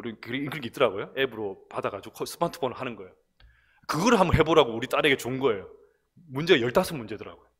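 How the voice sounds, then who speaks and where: A middle-aged man from the Gyeongsang region of Korea with a Gyeongsang accent, preaching a conversational sermon in church and telling stories with animated asides. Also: medium pitch. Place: church, recorded from broadcast room.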